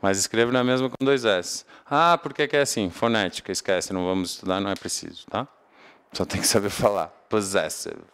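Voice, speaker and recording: Lecturing on English grammar, a man from Portugal with a European Portuguese accent raises questions and then supplies the answers. He talks briskly in a lowish voice that is clear and resonant, with a fairly bright tone.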